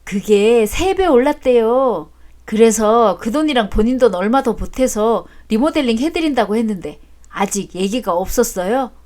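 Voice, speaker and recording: A woman's voice: on the high side, expressive, moderate pace, a little mellow, lightly acted. A woman voicing a blunt adult son who talks back cheekily to his father in a storybook drama. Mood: cheeky.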